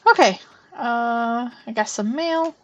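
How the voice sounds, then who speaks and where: Slow and a little high, this young woman's voice comes through with the highs cut off. She casually chats on her farming game stream, narrating each step and humming quietly.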